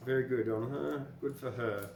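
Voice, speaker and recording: Speaking at a moderate pace, an older Australian poetry podcast host has a mid-range, darkish voice with vocal fry. He talks casually and reads poems with expression, all in a blunt, informal, rambling style. Faint background noise and echo fill the room.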